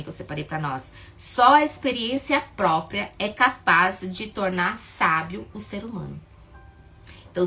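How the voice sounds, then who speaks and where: A woman's voice: medium pitch, pushed and bright. Chatty Brazilian therapist woman. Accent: Brazilian Portuguese. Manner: chatty, emphatic, acts out quoted people. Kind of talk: casual motivational talk.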